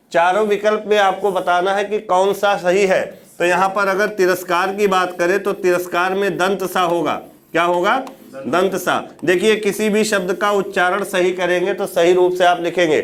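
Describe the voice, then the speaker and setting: A man with a fairly high voice lectures a classroom of students. He throws out questions, supplies the answers himself and says each key word again so it sticks. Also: fairly bright tone. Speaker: Hindi exam teacher.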